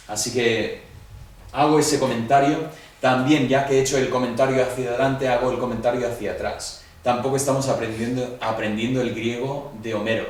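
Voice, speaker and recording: A man's voice: mid-range voice, far from the mic. A man teaching a class, talking straight to his students in a conversational way and acting out the dialogue he quotes. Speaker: Greek teacher. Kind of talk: classroom lecture. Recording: echoey room, voice from off the mic.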